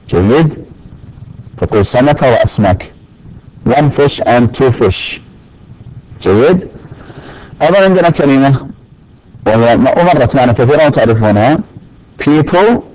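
A man teaching an English grammar lesson, speaking slowly and deliberately, with many fillers and repeated words. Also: mid-range voice, darkish tone, low-quality recording. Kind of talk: recorded classroom lesson. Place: lecture recording.

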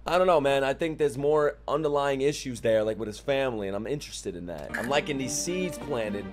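A man, giving excitable, sweary, casual reaction commentary into a close desk mic. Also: mid-range voice, a little fast, music in the background. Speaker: reaction video host. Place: small furnished room indoors. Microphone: close desk mic on boom arm.

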